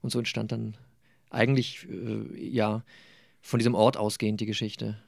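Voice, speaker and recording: A man reading from his own novel with animated dialogue voices, then answering questions thoughtfully with many pauses and fillers. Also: fairly low pitch, vocal fry, no room sound, clean studio sound. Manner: thoughtful, hesitant with fillers in the interview.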